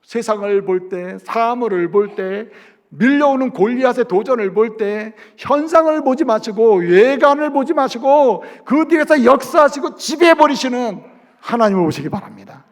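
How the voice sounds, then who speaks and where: A man preaching a sermon as a pastor, asking the congregation questions and swinging between loud emphasis and soft, low asides. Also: expressive, normal speed.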